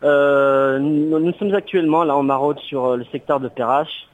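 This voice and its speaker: A man rings in to a radio show, and his voice comes through a dull, lo-fi phone line. He is a charity volunteer who speaks formally and politely, with frequent pauses, in a somewhat high register for a man. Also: fairly even intonation. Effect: phone call heard on air. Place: outdoors on a street round.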